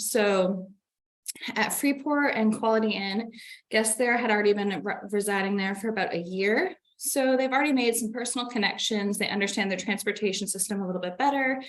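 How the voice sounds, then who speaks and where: Slightly winded woman presenting. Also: medium pitch. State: out of breath. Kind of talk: online meeting presentation.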